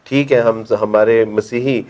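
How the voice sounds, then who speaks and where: A middle-aged man answering as an interview guest, with measured, devout phrasing. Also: lowish voice, fairly even intonation, darkish tone. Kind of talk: interview conversation.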